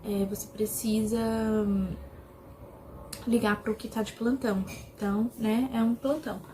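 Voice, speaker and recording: Soft-toned young woman recounting emotionally. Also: medium pitch, fairly even intonation, a little hiss or hum. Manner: emotional, halting retelling with many repetitions. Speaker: vlogger. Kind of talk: personal storytelling vlog.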